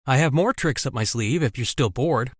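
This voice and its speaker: A man voicing a defiant young woman, a wife secretly working as a spy, in an animated story. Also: medium pitch, normal speed, no echo, clean studio sound, lightly acted. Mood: urgent. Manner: pleading then defiant.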